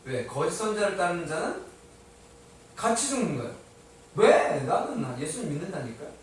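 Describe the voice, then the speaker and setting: A man's voice: medium pitch, slight background noise. A male pastor preaching a sermon. He keeps asking his congregation questions and answers them himself, with a touch of light humor. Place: church sanctuary. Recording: echoey hall, mic at a distance.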